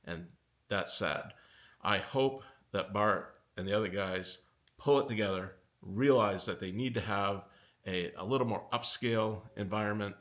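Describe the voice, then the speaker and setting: A middle-aged man hosting a casual commentary video, talking with animated exasperation that pushes his pitch up. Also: normal speed. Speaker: audio company owner and video host.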